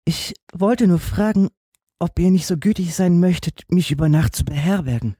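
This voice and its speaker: A man voicing a meek, kind young stepdaughter in a storybook reading, speaking gently and timidly. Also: on the high side, lively intonation, a little slow, husky, no echo, studio quality, voice pushed up.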